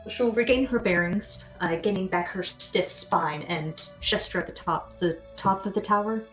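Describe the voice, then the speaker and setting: A young adult woman narrating a tabletop game as game master, with descriptive, unhurried narration. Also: medium pitch, a bit bright, soft background music, low-quality recording.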